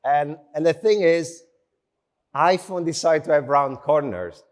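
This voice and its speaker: A man speaking English as a second language gives a conversational tech talk at a slow, unhurried pace, informal and self-deprecating. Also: on the high side. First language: not English. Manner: unhurried, slow delivery with short phrases. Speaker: conference speaker. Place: conference stage in front of an audience.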